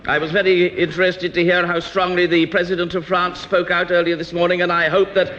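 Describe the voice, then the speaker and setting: A man's voice: sits high, level tone, fairly quick, a bit bright. A man, a member of Parliament in opposition, giving a declamatory debate speech in the House of Commons, firing pointed rhetorical questions. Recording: dull, faintly noisy 1982 off-air radio recording.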